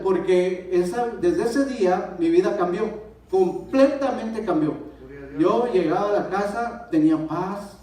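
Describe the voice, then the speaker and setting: A man with a Mexican accent giving a personal testimony in church, telling his story with lively, acted-out dialogue. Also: high voice. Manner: animated storyteller, acts out dialogue. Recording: echoey church hall, distant mic.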